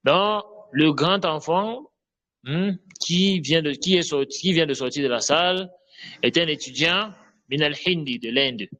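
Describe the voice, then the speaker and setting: A man teaching an online Arabic lesson, explaining slowly and checking often that students follow. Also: fairly high pitch, sharp tone.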